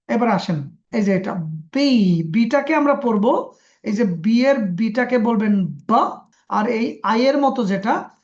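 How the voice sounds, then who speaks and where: A woman with a Bangladeshi Bengali accent teaching a phonics class over a video call. She drills sounds slowly and coaxes the class with a self-assured tone. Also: on the high side, a little mellow. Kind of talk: online pronunciation class. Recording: echoey, dull lo-fi webinar audio.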